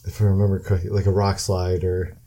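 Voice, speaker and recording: A man, a guest in a casual chat, explaining slowly with many fillers as he searches for words. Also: low voice, monotone, warm tone, a little hiss or hum.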